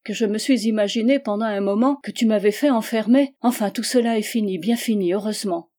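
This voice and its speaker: A woman voicing a nervous husband just released from an asylum, speaking in jerky, agitated bursts that climb to loud cries. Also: medium pitch, fairly quick, natural voice.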